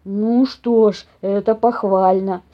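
A woman voicing a huge, slow, half-deaf old papa bear who talks in a booming, puzzled way. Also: fairly even intonation, lightly acted. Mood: mild. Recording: dull lo-fi audio.

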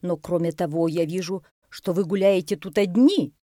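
A woman voicing a grand, unhurried old grandmother boa who speaks in a measured way. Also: fairly low pitch, warm tone, no room sound, studio quality, lightly acted. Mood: stately. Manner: stately, measured.

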